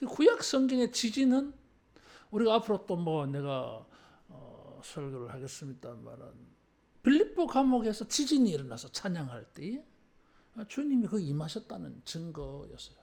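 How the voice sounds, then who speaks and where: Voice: mid-range voice, very animated, normal speed, darkish tone. A pastor preaching a sermon in a conversational way, often tagging phrases with a filler word and asking the congregation to repeat after them. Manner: shifts between formal and casual speech. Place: church service.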